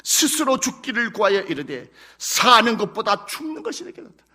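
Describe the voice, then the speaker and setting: A male pastor with a Chungcheong Korean accent preaches with emphatic, lively delivery. His voice sits very high and bright, rising and falling sharply. He slips into dramatic acted prayers now and then. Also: normal speed. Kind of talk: sermon.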